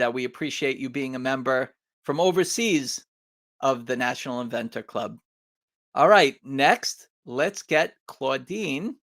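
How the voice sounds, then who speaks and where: A man's voice: medium pitch, fairly bright tone. A man hosting an inventors club showcase on a video call, upbeat and chatty. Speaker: host of an inventors club meeting.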